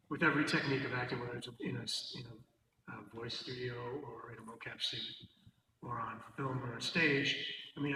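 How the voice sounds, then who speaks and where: A male actor with a bright, forward voice speaks reflectively on a panel. The room is echoey and he is picked up from a distance, with a faint noise bed. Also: mid-range voice. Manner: reflective, wanders off then laughs at himself. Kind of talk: casual panel talk. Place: large convention panel room.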